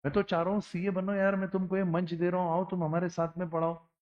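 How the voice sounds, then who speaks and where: A middle-aged man teaching a class, animated and joking, calling his students "beta". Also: high voice, fast. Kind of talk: classroom lecture. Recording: dull lo-fi recording.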